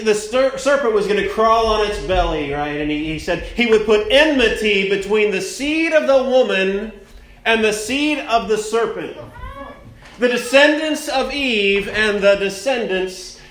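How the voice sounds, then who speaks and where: A man preaching at a pulpit microphone, his fairly high voice unhurried and conversational as he leans on key words. The sound bounces around an echoey church sanctuary. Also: a bit bright. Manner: plainspoken, conversational preaching with slow emphatic stresses. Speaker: pastor. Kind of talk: sermon.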